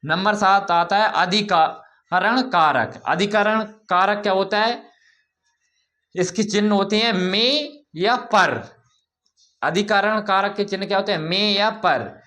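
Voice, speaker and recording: A man explaining grammar in a lesson, asking questions and answering them himself, with informal, drawn-out explanations. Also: high voice, sharp tone. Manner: repeats key points as questions and answers them. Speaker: teacher.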